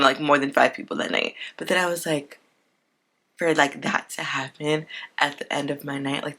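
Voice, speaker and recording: A woman's voice: lowish voice, fairly bright tone. A woman in her twenties hosting a podcast, talking through her week in a chatty, earnest, unscripted way with lots of "like". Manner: chatty and earnest, leans heavily on "like". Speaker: podcast host. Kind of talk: unscripted casual chat.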